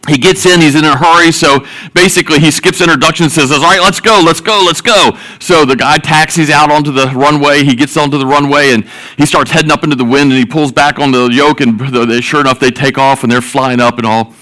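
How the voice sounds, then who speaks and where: A man's voice: on the high side, steady tone, fast, pushed and bright, low-quality recording. A man preaching a sermon, opening with folksy joke stories and repeating his words as he goes. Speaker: pastor. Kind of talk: sermon with jokes.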